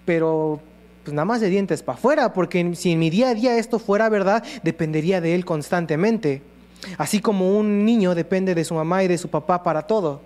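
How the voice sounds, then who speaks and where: A high-pitched man preaches a sermon in earnest tones. He slips into short acted voices for prayers and quotes. A faint electrical hum sits under his voice. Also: a little fast, darkish tone.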